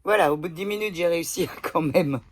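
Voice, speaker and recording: Talking fast in a fairly low voice, a female vlogger chats casually to her phone camera indoors with a pillow behind her. She tells everyday stories bluntly and swears freely.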